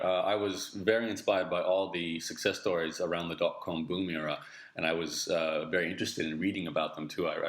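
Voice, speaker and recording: A man talks through interview questions in a plain, conversational way, with a very deep voice. The stream sounds low in quality because he has no proper microphone, and the recording is roomy and echoey. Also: fairly bright tone. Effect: low quality stream audio without his usual microphone. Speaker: online entrepreneur answering interview questions. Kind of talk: solo recorded answers to written interview questions. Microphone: makeshift microphone in place of his usual one.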